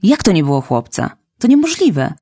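A woman voicing a stern, practical middle-aged woman who speaks briskly and firmly. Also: lowish voice, animated, a little mellow, no echo, studio quality. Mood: indignant. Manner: brisk, firm.

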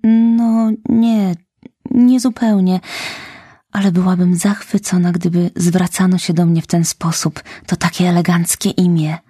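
A woman voicing a young, dramatic, dreamy orphan girl who pleads theatrically, in a high voice. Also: little pitch movement, a little slow, mellow, breathy edge, no room sound, studio quality. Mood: pleading.

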